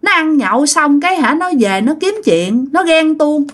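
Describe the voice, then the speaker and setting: A woman's voice: sits high, sing-song, normal speed, pitched above the performer's own voice. Woman voicing a jealous wandering ghost. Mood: spiteful. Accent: Southern Vietnamese. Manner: plaintive, repetitive, resentful. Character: jealous wandering male spirit of an unborn child.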